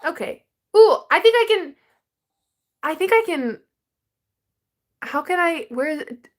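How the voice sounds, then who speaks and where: A woman with a high, light voice chats on her live stream while opening fan mail. She talks slowly and rambles, trailing off and restarting her sentences, with small giggles in between. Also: animated. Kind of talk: casual live stream chat.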